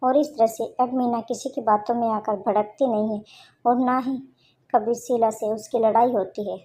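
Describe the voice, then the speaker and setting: A woman narrating a scripted moral story in a steady, plain storybook manner. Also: fairly high pitch, moderate pace.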